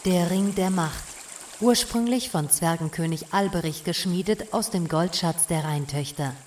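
A woman's voice: fairly low pitch, normal speed, darkish tone, slight background noise, natural voice. A woman playing a clever female companion who explains things in a matter-of-fact way, in a children's audio story. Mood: explaining.

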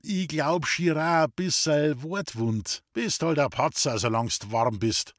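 A man voicing a gruff older forester who grumbles and barks questions. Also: fairly high pitch, slow pace, no echo, studio quality, voice pushed up. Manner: brusque, grumbling.

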